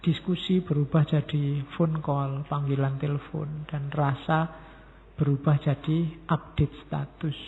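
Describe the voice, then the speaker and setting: Male lecturer, Javanese accent, rather high gravelly voice; lo-fi recording in a big echoing hall. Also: a little hiss or hum. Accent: Javanese-inflected Indonesian. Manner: talks straight to the audience, acts out quoted messages in different tones. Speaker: university lecturer giving a public lecture. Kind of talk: philosophy study lecture. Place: large mosque hall. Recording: tinny lo-fi sound in a reverberant hall.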